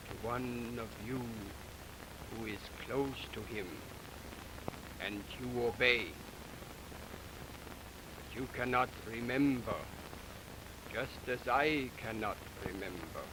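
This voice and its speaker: A grave Eastern mystic, early talkie film. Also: male voice, medium pitch. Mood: solemn. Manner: slow, measured, grave. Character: solemn Eastern mystic man, hypnotist. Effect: early talkie film sound. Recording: noisy early film soundtrack.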